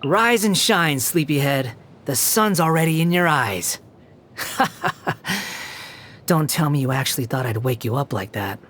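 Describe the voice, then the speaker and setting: A young man voicing an aloof, sardonic puppet wanderer in a video game, with a condescending, sharp-tongued, theatrical delivery. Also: a little high, animated, takes it slowly, pauses often, full character voice. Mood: mocking, amused. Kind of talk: video game character voice lines.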